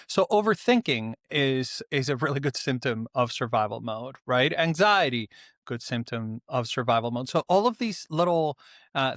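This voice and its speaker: Middle-aged man, calm explainer. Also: mid-range voice, dry recording, studio quality. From Venezuela. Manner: calm, explanatory, with frequent "uh" pauses. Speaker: guest author. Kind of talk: reflective interview answers.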